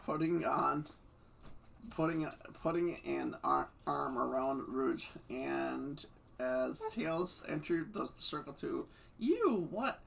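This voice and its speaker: A man's voice: medium pitch, steady tone, slow, creaky, a bit bright, slight background noise. Stumbling, stuttering male fanfic reader. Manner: stumbling, stuttering, breaking into laughs. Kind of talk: casual reading aloud.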